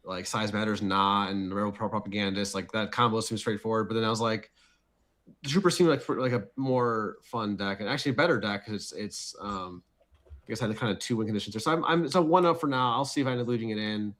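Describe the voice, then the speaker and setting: A man's voice: lowish voice, quick pace, fairly bright tone. A man casually talking through his card picks with many fillers and restarts. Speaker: deckbuilding contestant. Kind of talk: casual chat.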